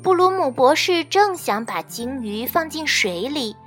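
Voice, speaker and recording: A woman reading a children's storybook aloud, expressive and measured. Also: high voice. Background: faint children's music.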